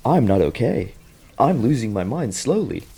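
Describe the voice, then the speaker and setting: A man's voice: medium pitch, very animated, normal speed, creaky, mellow, slightly rough, voice pushed up, full character voice. A frazzled, jumpy veteran who keeps refusing in a raised, exasperated voice, as a man puts him on. He swears freely and sounds worn down.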